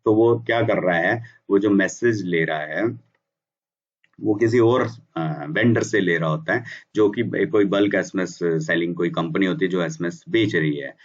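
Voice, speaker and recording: A man with a deep, low voice walks through a technical explanation at an easy teaching pace, sometimes restarting words. He sounds a little distant from the microphone, and the recording is muffled and dull. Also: unhurried. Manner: explanatory, restarts words, mixes English terms. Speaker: instructor explaining bulk SMS business. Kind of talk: casual whiteboard lesson.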